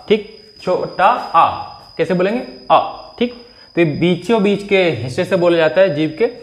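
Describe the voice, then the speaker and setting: Man, teacher, slightly high voice, explanatory, checks in often, stretches vowels to demonstrate. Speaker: Hindi teacher. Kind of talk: exam-prep grammar lesson.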